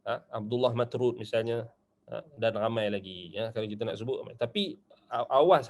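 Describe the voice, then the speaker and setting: In an Islamic study centre classroom, a medium-pitched man with a Malaysian Malay accent teaches a religious class loosely and conversationally. He sprinkles in short asides and checks that listeners agree.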